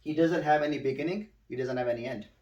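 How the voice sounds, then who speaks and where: A man's voice: medium pitch, a little mellow, recorded from a distance, dull audio. Patient male tutor, echoey and off-mic. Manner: patient, repeats words slowly for a student to echo. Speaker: Quran recitation teacher. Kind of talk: one-on-one tutoring. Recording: roomy, a bit off-mic.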